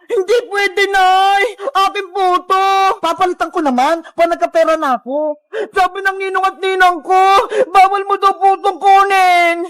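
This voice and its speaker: A woman voicing an excitable young girl in a cartoon skit, with a squealing manner. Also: very high voice, normal speed. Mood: pleading.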